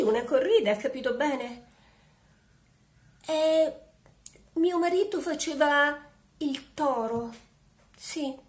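An actress playing a sly, mock-grieving widow on the phone in a comic home-theater sketch. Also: female voice, sits high, echoey room. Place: home, indoors.

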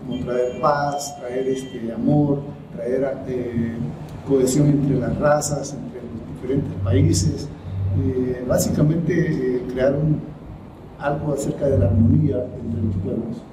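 A middle-aged man from El Salvador who grew up in the United States, a poet answering interview questions thoughtfully, with many pauses and repeated words. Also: mid-range voice, fairly even intonation. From El Salvador, raised in the United States. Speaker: writer and poet, interview guest. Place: high-floor room by a large window over a city. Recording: roomy echo from the camera mic at a distance, noise behind.

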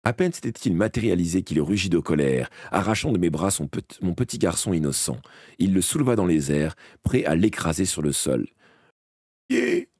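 A man with a very low, husky voice reads a fantasy audiobook aloud in the first person. He reads in a dramatic, expressive way, and his pitch rises and falls widely. The recording is dry and close, with no room sound. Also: a little fast, no echo. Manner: dramatic, expressive reading with small slips and restarts. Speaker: audiobook reader. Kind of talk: first-person audiobook narration read live.

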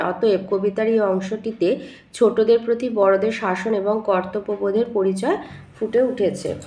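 A woman's voice: mid-range voice, darkish tone. A woman teacher going through exam questions, reading each one aloud and then dictating the answer step by step. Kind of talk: exam answer walkthrough lesson. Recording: echoey room.

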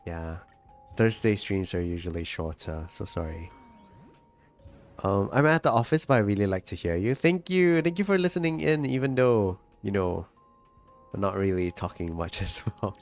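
Brief: male streamer with a cold, nasal and congested, relaxed and chatty, a touch low, faint game music underneath. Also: moderate pace. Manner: relaxed, chatty, reading out viewer comments. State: sick with a stuffy nose and cough. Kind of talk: casual live-stream chat while gaming.

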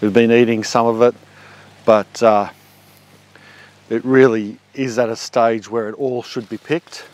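A man's voice: mid-range voice, a little slow, pauses often. A man in his forties with an Australian accent, casually showing his backyard food garden outdoors while walking, recorded on a handheld camera. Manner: relaxed, chatty explaining while walking. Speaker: homesteading vlogger. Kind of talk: casual garden walk-through. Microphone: handheld action camera.

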